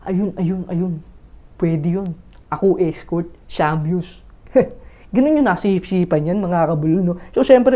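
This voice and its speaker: Rambling vlogger on a muffled earphone mic. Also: male voice, a little high. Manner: rambling, full of fillers and restarts, addresses viewers as pals. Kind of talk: casual chatty vlog.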